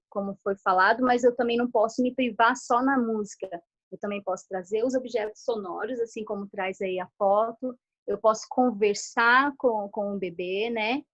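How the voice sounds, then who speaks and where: A woman's voice: on the high side, lo-fi sound. A woman educator giving an informal online talk to parents, explaining patiently with frequent tag fillers and restarts.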